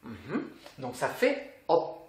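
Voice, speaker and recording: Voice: medium pitch, very animated, measured pace, a bit bright, roomy sound. A teacher giving a language lesson, patiently explaining and asking the viewer questions. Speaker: Korean teacher.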